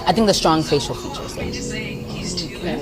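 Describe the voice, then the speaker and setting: A woman from Kenya and Ghana answers street-interview questions frankly but carefully. Her voice is very low, and a clear crowd murmurs behind her. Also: normal speed, music in the background.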